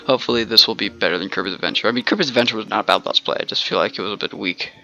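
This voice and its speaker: A man's voice: fairly low pitch, rapid-fire, creaky, sharp tone, lo-fi sound. A man from the American South giving rambling, joking commentary while playing a video game. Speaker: let's player. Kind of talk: casual gameplay commentary.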